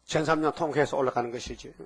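A man's voice: medium pitch, steady tone, very fast, slightly rough. An older man preaching a sermon, full of rhetorical questions. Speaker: pastor.

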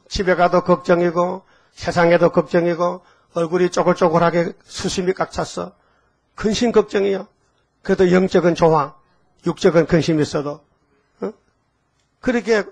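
An older pastor, preaching in a folksy storytelling way, quizzing his congregation and leading them in repeated readings. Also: high-pitched. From Gyeongsang province, Korea. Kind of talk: sermon.

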